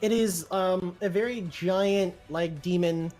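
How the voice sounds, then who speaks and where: A game master improvising tabletop game narration in an informal, halting way, mixed with casual chat. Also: mid-range voice, darkish tone.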